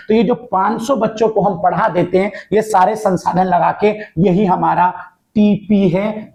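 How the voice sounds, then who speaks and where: A man's voice: high-pitched, vocal fry, a little mellow. A male tutor giving an exam-focused economics lesson, calling students "beta" and repeating each term in two languages. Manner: addresses students as "beta" and "bachcha", repeats points in Hindi and English.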